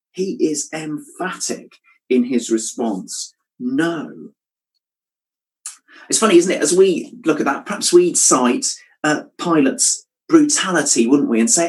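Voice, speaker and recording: A man preaching a reflective sermon, asking rhetorical questions and dropping his voice softly when quoting scripture. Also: on the high side, rough recording. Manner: reflective, asks rhetorical questions, drops soft at quotes.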